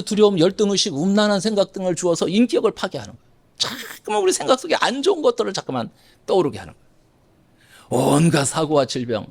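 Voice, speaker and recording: A middle-aged man preaching a Sunday sermon as a pastor, emphatic and repeating key phrases as he speaks to the congregation. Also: fairly high pitch.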